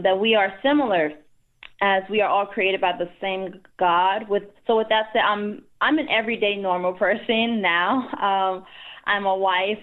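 A woman from Liberia speaks earnestly as an interview guest, her voice coming through a thin, phone-like line. She talks in a middle pitch and often hesitates with ums as she gathers her thoughts. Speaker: guest author. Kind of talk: interview answers.

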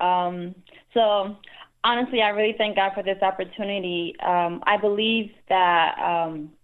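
A woman from Liberia speaks earnestly as an interview guest, her voice coming through a thin, phone-like line. She talks in a middle pitch and often hesitates with ums as she gathers her thoughts. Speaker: guest author. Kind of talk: interview answers.

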